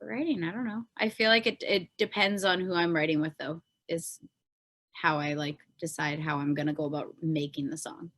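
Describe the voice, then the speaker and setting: A deep, slightly bright female voice holds a steady tone at normal speed. The speaker, a pop singer-songwriter with a Canadian accent, is a podcast guest in a casual interview chat who rambles informally and often trails off.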